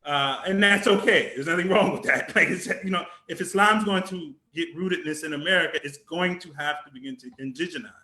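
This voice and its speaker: A man's voice: on the high side, brisk, few pauses, sharp tone, reverberant. A man hosting a casual conversation who speaks in an encouraging, thoughtful way.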